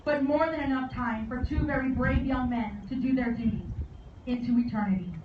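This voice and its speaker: Speaking as a memorial service guest, a woman whose voice sits high delivers a solemn tribute, measured and carefully phrased. The audio sounds far off, echoing, muffled and heavily noisy.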